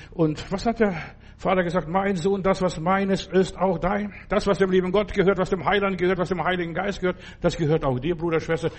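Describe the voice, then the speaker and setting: A man preaching a sermon, urging his listeners with many repeated phrases and acting out prayers in a hushed voice. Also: high-pitched, breathy edge. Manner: exhorting, repetitive, acts out prayers in hushed tones.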